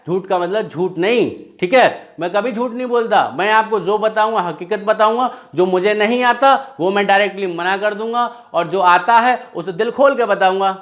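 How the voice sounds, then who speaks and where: A man's voice: high-pitched, normal speed, few pauses. A man teaching an exam-prep lecture, who keeps asking rhetorical questions and answering them himself while urging students on. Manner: asks a question then answers it himself, exhorting. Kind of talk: classroom lecture with call-and-response questions. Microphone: whiteboard lecture recording.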